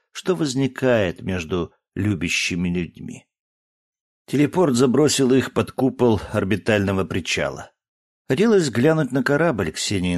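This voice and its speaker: A man reading a science fiction story as scripted narration, in a measured, expressive storytelling manner. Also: mid-range voice. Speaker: audiobook narrator.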